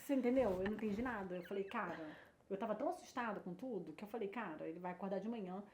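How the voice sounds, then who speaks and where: Racing along in a medium-pitched, slightly mellow voice, a woman in her thirties shares a personal story as a guest in casual chat, animatedly acting out the people she quotes. Faint noise and echo fill the room.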